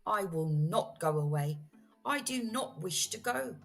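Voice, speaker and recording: A cheerful, mischievous storybook tomcat who loves to show off acted out by a woman reading aloud. The patter is playful and boastful, delivered slowly in a slightly breathy tone, with soft music behind it. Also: mid-range voice, expressive, heavily acted. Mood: stubborn. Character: mischievous, boastful, cheerful male cat in a hat. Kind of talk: children's storybook read-aloud.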